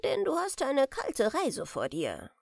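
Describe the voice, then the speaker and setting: A calm, hospitable old merman from a storybook, speaking with a genial ease, as a woman puts him on. His voice swings widely up and down. The sound is close and dry, with no room around it. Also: high-pitched, slow pace, vocal fry, no room sound, voice pushed up, exaggerated voice. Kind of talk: storybook reading.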